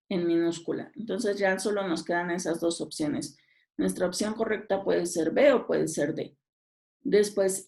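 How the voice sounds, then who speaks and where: Slow-paced woman teacher. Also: mid-range voice, a little mellow. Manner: checks with students, reads questions aloud. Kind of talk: exam review lesson.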